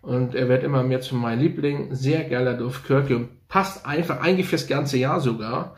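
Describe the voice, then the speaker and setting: Man, casual unscripted product review, thinks aloud, keen slang praise, medium pitch, roomy echo. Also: normal speed. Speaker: fragrance reviewer.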